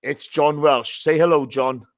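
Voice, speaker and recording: A man's voice: a little high, steady tone, measured pace, no room sound. A hungover man hosting a casual live football fan show, talking in a blunt, matey way.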